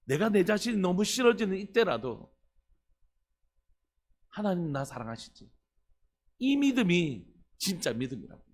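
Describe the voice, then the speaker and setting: A pastor preaching an earnest early-morning sermon, putting questions to the congregation. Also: male voice, high-pitched, very animated, moderate pace, pauses often.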